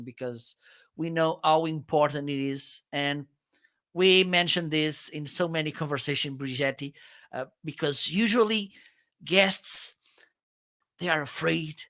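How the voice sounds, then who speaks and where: A man's voice: fairly high pitch, bright, forceful tone. A man hosting a live-stream interview, enthusiastic and laughing often, asking long rambling questions. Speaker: show host.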